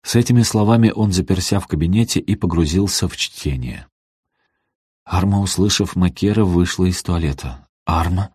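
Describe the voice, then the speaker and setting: A man narrating an audiobook in a steady, even reading voice. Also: deep voice, normal speed, slightly rough, no echo, clean studio sound. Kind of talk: scripted narration.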